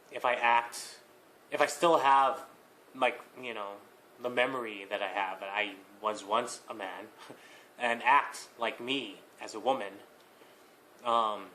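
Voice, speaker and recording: A young man answering viewer questions in a casual vlog, hesitant, with many fillers, pauses and small laughs. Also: on the low side, bright, forceful tone, a little hiss or hum.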